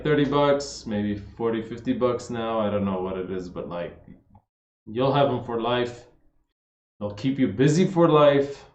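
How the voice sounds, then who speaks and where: A man's voice: mid-range voice, darkish tone. Laid-back man in a roomy livestream. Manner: laid-back, says "man" and "like" a lot, reads questions aloud. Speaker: fitness coach answering viewer questions. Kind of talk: casual livestream Q&A. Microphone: streaming setup. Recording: roomy, slightly dull livestream audio.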